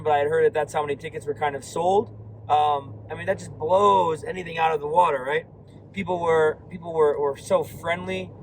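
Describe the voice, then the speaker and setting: Hoarse man vlogging from his car. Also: fairly high pitch, low-quality recording. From Florida. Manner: rambling, many fillers and restarts. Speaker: card shop owner. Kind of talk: casual vlog while driving. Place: inside a moving car. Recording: faint car road noise.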